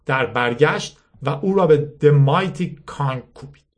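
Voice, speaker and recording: A man reading a novel aloud as an audiobook narrator, with a steady, measured storytelling delivery. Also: fairly high pitch.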